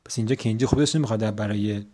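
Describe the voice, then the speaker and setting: A man whose first language is Persian, teaching English by slowly reading English sentences, spelling words letter by letter and explaining them. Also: on the low side, warm tone. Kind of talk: explaining an English text line by line.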